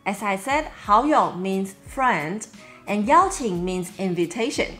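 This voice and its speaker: Slow-paced woman teacher with a Taiwanese accent. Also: medium pitch, animated, a bit bright, faint music behind. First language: Mandarin Chinese. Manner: explanatory, repeats key terms. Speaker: language teacher. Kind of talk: online language lesson to camera. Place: small room at home, indoors.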